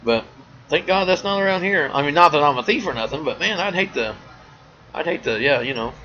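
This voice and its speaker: Male podcast host, rambling animated storyteller, slightly high voice, lo-fi recording. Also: a little fast, a little hiss or hum. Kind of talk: casual comedic monologue. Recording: dull lo-fi sound.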